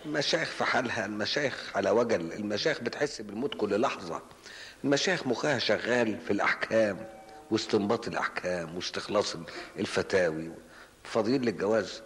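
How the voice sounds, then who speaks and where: An Egyptian man preaching in a large mosque hall, his words rolling out quickly in a slightly low voice. He fires rhetorical questions and scolding asides at his listeners. A long reverb trails behind each phrase. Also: a bit bright. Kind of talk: colloquial religious lesson.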